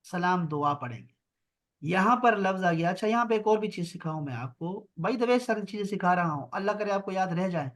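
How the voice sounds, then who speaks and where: Guy teaching arabic on a video call, kinda high voice, patient, repeats stuff slow. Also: lively intonation, fairly bright tone. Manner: patient, repeats words slowly, reassuring. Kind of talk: online Arabic grammar lesson.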